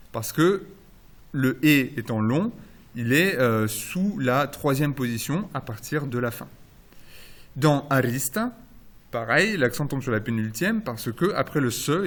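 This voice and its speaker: Man, lecturer, mid-pitched voice, methodical explaining, hesitant fillers, slows on examples. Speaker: phonology lecturer. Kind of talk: recorded university lecture.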